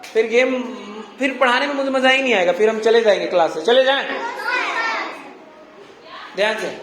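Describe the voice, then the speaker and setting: A man's voice: very high voice, normal speed, crowd noise. A male teacher giving a grammar lesson to a class, repeating questions and mildly scolding students who do not listen. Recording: echoey classroom with background noise.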